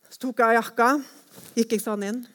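A woman giving a personal testimony, telling her story in a lively way and acting out her own thoughts as quotes. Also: fairly high pitch.

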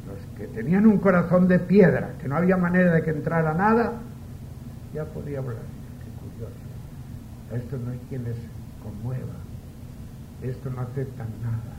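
A man preaches in a large church, his voice ringing with a cathedral echo. He talks unhurried and conversational, dropping little asides to the congregation. Steady background noise sits under the booming reverb. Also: highs cut off. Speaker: priest. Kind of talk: Mass reading and homily.

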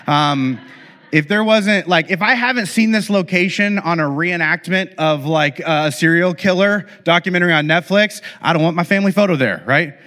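Middle-aged man, pastor, humorous story sermon, slightly high voice, long hall reverb. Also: moderate pace, sharp tone. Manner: conversational, joking, many fillers and restarts.

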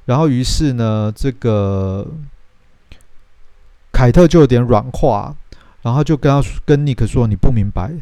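A man's voice: medium pitch, unhurried, long pauses, warm tone, clean tone, no echo. A man, telling the plot of a film in a casual, chatty way and acting out the characters' lines. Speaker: host retelling a film plot. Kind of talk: casual storytelling film recap.

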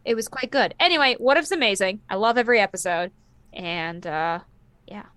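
A young woman in her late twenties chats casually as a podcast co-host. Her voice is bright and lively, leaping up and down in pitch. She giggles a lot, trips over words, and sounds close and dry on the mic. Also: a little fast, smooth, no room sound. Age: 20s. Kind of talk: casual chat.

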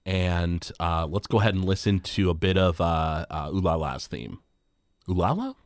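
A male podcast host chatting casually, his pitch rising and falling freely as he talks. He stumbles and restarts his sentences often. The sound is dry and close, with no room around him. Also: lively intonation, dry recording. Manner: halting, restarts phrases often.

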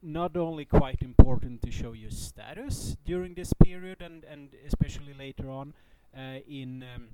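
A man chatting casually as a podcast co-host in a halting, hesitant way. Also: mid-range voice, heavy background noise.

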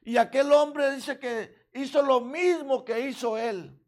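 A man preaching a sermon, retelling a parable slowly and earnestly. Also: very high-pitched.

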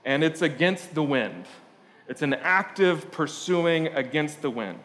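A man's voice: fairly high pitch, animated, a little slow, fairly bright tone. Chatty preacher man in a reverberant hall. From Portugal. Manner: conversational storytelling with frequent "uh" fillers and asides. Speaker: pastor. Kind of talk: sermon.

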